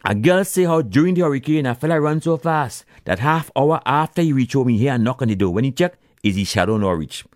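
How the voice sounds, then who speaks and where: A man from Grenada with a Grenadian accent, telling a humorous story in a folksy, animated manner with creole phrasing. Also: mid-range voice, fairly quick, hardly any pauses, dry recording, studio quality.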